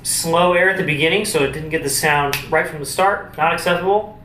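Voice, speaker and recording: A fairly high, fairly quick male voice belongs to a brass teacher demonstrating warmups on camera. The lesson is casual and explanatory, peppered with thinking out loud. A far-off mic in a roomy space adds faint noise.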